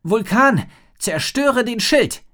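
A man reading a storybook and voicing a bold, determined girl who rides a dragon and shouts orders. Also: sits high, big pitch swings, moderate pace, pitched above the performer's own voice. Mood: commanding.

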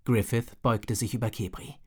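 A man narrating a children's story in a calm, measured reading voice. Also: mid-range voice, husky. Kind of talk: storybook read-aloud.

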